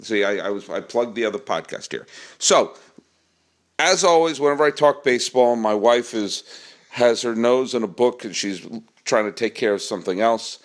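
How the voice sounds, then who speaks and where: A man's voice: mid-range voice, moderate pace. A man hosting a casual baseball podcast, joking and projecting as he performs. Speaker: podcast host.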